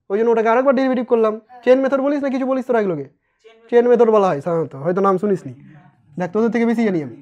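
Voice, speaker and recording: A man's voice: very high-pitched, a little mellow. A man teaching a physics lesson at a board, chatty and teasing, quizzing his students and answering for them. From West Bengal, India. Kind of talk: informal whiteboard lesson.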